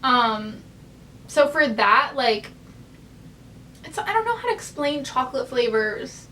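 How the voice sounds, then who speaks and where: Chatty high-voiced young American woman. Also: very animated, slow pace, bright, forceful tone, distant mic, slight background noise. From United States. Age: young adult. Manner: rambling, filler-heavy, chatty. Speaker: vlogger. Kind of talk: casual chat. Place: in bed, bedroom.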